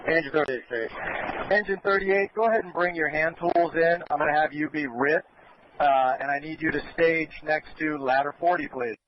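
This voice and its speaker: A man's voice: on the high side, moderate pace. A man acting as fire incident commander, giving orderly, polite instructions over a two-way radio. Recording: dull radio recording with faint noise.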